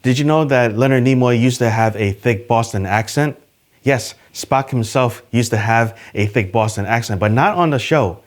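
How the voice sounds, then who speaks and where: Guy hosting a chill trivia vid, chatty, lots of uhs, gets excited on each new item. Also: normal speed. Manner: enthusiastic, pitch jumps on list numbers; chatty with fillers. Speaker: YouTube host. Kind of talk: casual trivia talk to camera.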